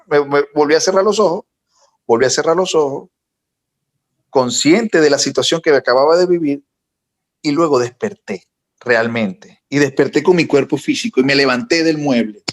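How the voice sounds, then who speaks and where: Animated man telling a spooky story. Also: on the high side, normal speed. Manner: animated, recounting with rising intensity. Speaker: podcast co-host. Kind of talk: casual storytelling.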